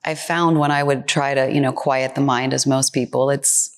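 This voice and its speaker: A woman with an unusually deep, low voice speaks as an interviewer. Her tone is earnest and personal, and she keeps a conversational manner. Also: steady tone, normal speed.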